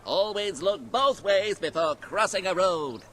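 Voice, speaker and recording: A preachy game character who lectures with advice in a bright, high, sing-song voice. The tone lifts and dips animatedly through each piece of advice. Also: male voice, animated, unhurried, slight background noise, heavily acted.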